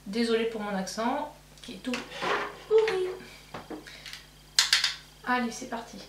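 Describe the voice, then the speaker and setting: Brisk and fairly high-pitched, with fairly even intonation, a woman rambles casually as she applies her makeup. This beauty vlogger thinks aloud, full of fillers, restarts, and self-corrections. The distant, off-mic recording has an echoey room sound and a faint hum.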